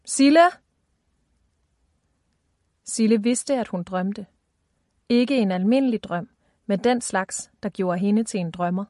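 A woman narrating a children's fantasy audiobook in a calm, even storytelling voice. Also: mid-range voice, no room sound, clean studio sound.

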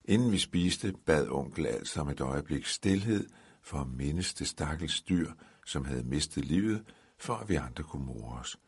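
A man reading a Christmas story aloud in a calm, dry storytelling manner. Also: rumbling low, slightly rough.

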